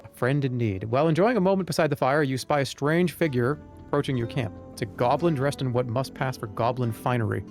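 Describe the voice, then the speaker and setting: A man's voice: mid-range voice, brisk, faint music behind, close to an everyday voice. A man reading scripted narration as an earnest storybook narrator of a fantasy adventure game. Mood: dramatic. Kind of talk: scripted narration read aloud.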